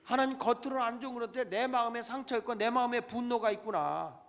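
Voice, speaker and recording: High-voiced preaching man in echoing church. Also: fast, fairly bright tone. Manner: preaching with calls to the congregation and dramatic emphasis. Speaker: pastor. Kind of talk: sermon. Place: church sanctuary. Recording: long church reverb.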